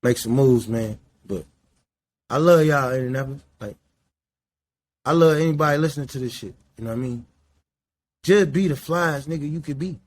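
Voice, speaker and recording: A man's voice: mid-range voice, moderate pace, long pauses. A man in his late forties from the Midwest, hosting a podcast in a loose, rambling, profane way while he smokes indoors. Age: 40s. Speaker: podcast host. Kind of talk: casual monologue. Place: indoors, smoking while talking.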